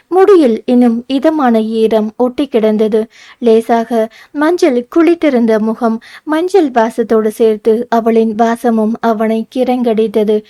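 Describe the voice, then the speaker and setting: Woman reading a romance audiobook, kinda high voice, mellow and soft. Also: no echo. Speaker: audio novel narrator. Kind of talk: scripted romance narration.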